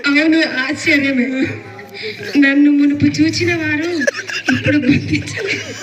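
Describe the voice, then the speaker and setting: A woman's voice: high voice, steady tone, normal speed, noisy background, natural voice. A woman playing a healed leper in a stage play, humbly testifying, recorded from a distance. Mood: humble. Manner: humble, preaching. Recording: distant mic.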